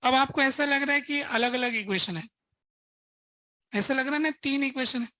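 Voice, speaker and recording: A man's voice: very high-pitched, normal speed, bright, forceful tone, no echo, low-quality recording. A man teaching a physics lesson, working through examples step by step and asking his students rhetorical questions. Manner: casual, conversational teaching. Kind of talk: lesson at a board.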